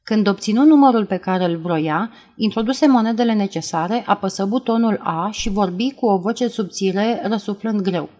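A woman narrating an audiobook in an even, low-key reading voice. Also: few pauses. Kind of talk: scripted narration.

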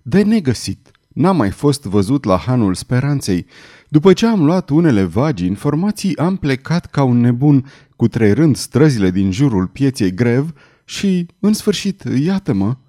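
A man's voice: medium pitch, big pitch swings, mellow. A man reading an audiobook, voicing a distraught young nobleman who sounds close to tears and agitated.

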